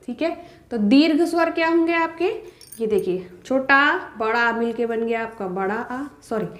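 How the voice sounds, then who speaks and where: A woman teaching a grammar lesson to students, asking the class questions and then answering them herself, and drawing out the example vowel sounds slowly. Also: on the high side, lively intonation. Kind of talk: Hindi grammar lecture to students. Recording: roomy echo.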